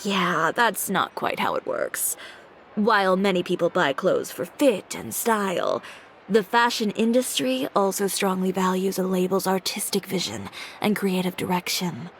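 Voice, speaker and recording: A woman lends her medium-pitched voice to a game character, a poised, no-nonsense fashion designer with her own shop, speaking in a dry, matter-of-fact way. She talks a little slowly and acts only lightly, with slight background noise and game music underneath.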